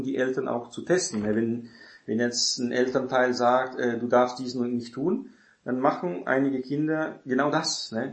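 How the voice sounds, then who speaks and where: A man's voice: mid-range voice, darkish tone, echoey room. A man giving an informal sermon on parenting, rambling and searching for words, tagging his sentences with "ne?". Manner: self-correcting, searches for words. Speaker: preacher teaching on parenting.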